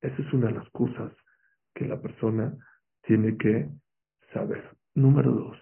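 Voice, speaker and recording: Gravelly-voiced man preaching resilience. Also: medium pitch, steady tone, a little slow. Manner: emphatic, asks the audience rhetorical questions. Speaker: motivational speaker. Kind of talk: motivational religious talk. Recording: tinny, phone-like lo-fi recording.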